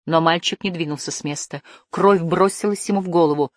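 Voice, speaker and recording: A woman narrating a fantasy story in a measured, expressive storytelling manner. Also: on the low side, no echo, studio quality. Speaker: audiobook narrator.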